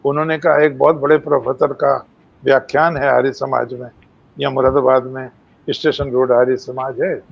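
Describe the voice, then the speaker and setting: A man's voice: mid-range voice, little pitch movement, moderate pace, vocal fry, slightly rough, highs cut off. An older man giving a devotional lecture, telling stories and acting out the voices of sages and animals. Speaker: main speaker.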